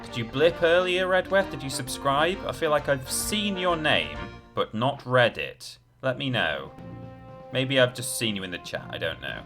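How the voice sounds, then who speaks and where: A man's voice: medium pitch, lively intonation, normal speed. A man live-streaming a video game, rambling and thinking aloud as he chats casually with his viewers. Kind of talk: live gameplay commentary with casual chat to viewers. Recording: game music behind the voice. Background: video game music.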